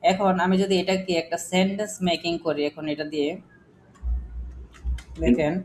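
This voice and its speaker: A man's voice: high voice, steady tone, moderate pace, a little hiss or hum. Man teaching a phonics class. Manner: questioning, repetitive drilling of examples. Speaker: English teacher.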